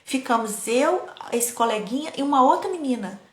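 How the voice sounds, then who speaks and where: A woman, a parenting educator telling childhood stories in a lively, casual way, often turning to her audience. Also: high-pitched, moderate pace. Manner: lively, keeps addressing the audience. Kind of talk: casual storytelling talk. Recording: echoey room.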